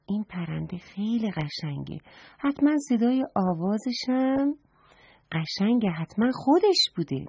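A woman's voice: medium pitch, big pitch swings, vocal fry, a little mellow, husky, no room sound, exaggerated voice. A woman voicing a curious young boy who politely asks around about a birdsong, on a dull lo-fi recording. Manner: eager, polite questioning.

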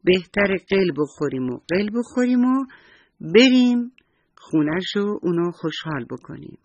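A man voicing a big, cheerful talking walnut in a children's bedtime story, calling out eagerly in a husky voice. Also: sits high, sing-song, dull audio, exaggerated voice.

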